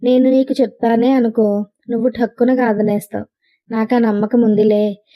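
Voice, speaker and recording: A woman's voice: on the high side, little pitch movement, normal speed, muffled recording, close to an everyday voice. A woman voicing a cheeky, confident young male suitor in a playful, teasing way.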